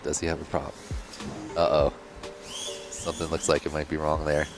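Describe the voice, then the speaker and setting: Deep-voiced man co-calling a race. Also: music in the background. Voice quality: excitable reactions, quick exclamations. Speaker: co-commentator and pilot. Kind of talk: live race commentary.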